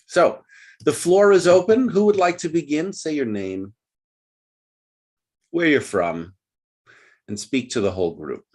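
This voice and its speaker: A man's voice: fairly high pitch, lively intonation, a little slow, pauses often, a little mellow. A man leading an online group English lesson over a video call, patient and coaching, repeating phrases for his learners. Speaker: English teacher.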